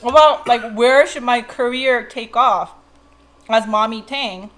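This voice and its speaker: A woman's voice: on the high side, slow, a bit bright. Woman, mukbang vlogger, casual chat while eating, rambling storyteller, laughs easily.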